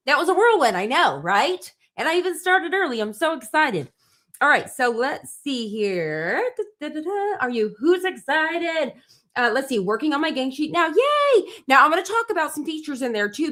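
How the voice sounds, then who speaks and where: A middle-aged woman chats live with her viewers in a bubbly, gushing way, addressing them directly. She is running on almost no sleep, yet keeps her slightly high voice upbeat. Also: fairly bright tone. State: tired from little sleep. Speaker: livestream host and small business owner. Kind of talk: casual live stream chat.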